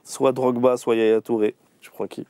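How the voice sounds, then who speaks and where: A man's voice: mid-range voice, little pitch movement, normal speed, dark tone, smooth, no echo. A man hosting a casual livestream interview, firing off playful either-or questions and laughing often. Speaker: host.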